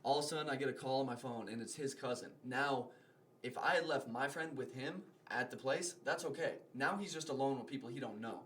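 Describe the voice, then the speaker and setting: A young man telling a long story on a podcast in an animated, rambling way, stacking filler words as he goes. His pitch sits in a middling range. A faint hiss sits under his voice. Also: a little fast. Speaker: podcast guest. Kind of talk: casual storytelling.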